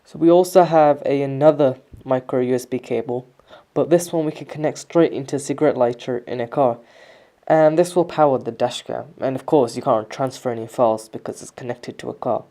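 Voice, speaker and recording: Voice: mid-range voice, brisk, mellow. A person giving a casual, explanatory product review, talking through features step by step in an informal way. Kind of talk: casual scripted-sounding product review narration.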